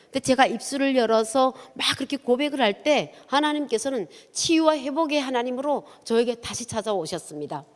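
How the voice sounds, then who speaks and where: A woman's voice: high-pitched, expressive, fairly quick, few pauses. A woman from Korea, an evangelist giving a testimony sermon in a church, telling her story vividly and acting out dialogue. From North Korea. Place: church sanctuary. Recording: long church hall reverb.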